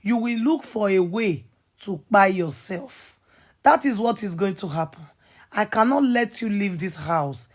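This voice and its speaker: A bitter wife full of cold menace, as a woman storyteller puts her on. She speaks, drawing out each threat slowly in a medium-pitched voice. The storybook villainess never raises her tone. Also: animated. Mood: menacing. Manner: slow, low menacing threats.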